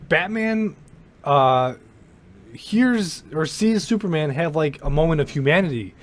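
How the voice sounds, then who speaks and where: A young man giving a casual, rambling rant about a movie, with swearing and lots of restarts. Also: fairly high pitch. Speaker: movie commentator. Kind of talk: casual ranting movie commentary.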